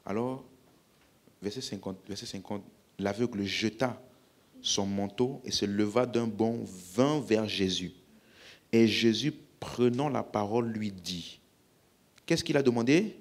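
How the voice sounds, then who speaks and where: A man's voice: on the low side, a little slow. A man with a French accent preaching a healing-service sermon, emphatically calling out questions to the congregation.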